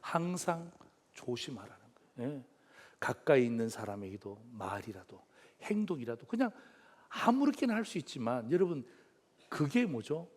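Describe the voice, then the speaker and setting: A man's voice: medium pitch, very animated, moderate pace. A male pastor giving a sermon, telling a story with animation and putting questions to the congregation.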